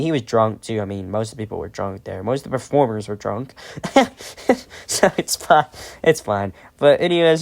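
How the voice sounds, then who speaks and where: A young man rambles through a casual vlog, chatty and loose with plenty of fillers. His pitch swings lively up and down. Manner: rambling and chatty, often laughing, many fillers. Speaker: vlog host. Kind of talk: casual storytime chat.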